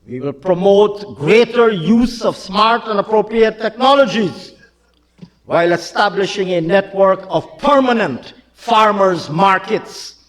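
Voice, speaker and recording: A man giving a parliamentary speech as a government minister, declaiming and repeating phrases for emphasis, often shouting. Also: high voice, big-room sound, rough recording. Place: parliament chamber.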